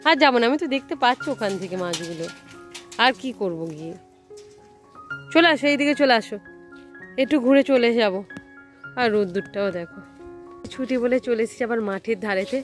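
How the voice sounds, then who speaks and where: Woman, Bengali accent, casual vlog chat, fairly high voice, phone recording outdoors, faint music behind. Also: animated, brisk, long pauses. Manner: chatty, talks to viewers and coaxes her child. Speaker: vlogger. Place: outdoors by fields, then at home.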